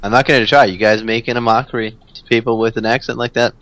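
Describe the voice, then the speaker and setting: A man's voice: medium pitch, little pitch movement, quick pace, a bit bright, dry recording. A man co-hosting a casual podcast who throws in short dry wisecracks. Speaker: podcast co-host. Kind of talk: casual chat.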